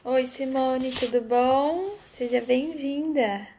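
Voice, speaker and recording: A woman hosts a relaxed live stream, chatting loosely and welcoming each viewer by name. Her voice sits a little high with a gravelly edge. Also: takes it slowly, a little hiss or hum. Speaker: live stream host, therapist. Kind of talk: casual live stream chat.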